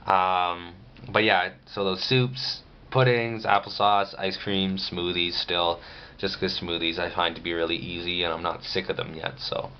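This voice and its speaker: A man's voice: deep voice, little pitch movement, a little slow, dull audio, a little hiss or hum. A man giving a casual, rambling video diary update, speaking matter-of-factly with restricted jaw movement after jaw surgery.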